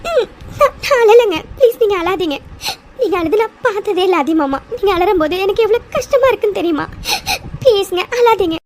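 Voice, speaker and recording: A gentle young wife from a cartoon serial, pleading through tears with a very high, thin voice. Her words come soft and respectful, always close to crying. A faint hiss sits under the recording. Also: animated, fast. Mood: tearful.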